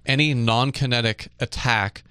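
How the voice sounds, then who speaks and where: A man hosts a casual tech news podcast from a studio. He talks in a chatty, loose way full of fillers and quick laughs. His voice sits at a middle pitch, and the sound is close and dry with no room echo. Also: steady tone, sharp tone, clean tone. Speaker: podcast host.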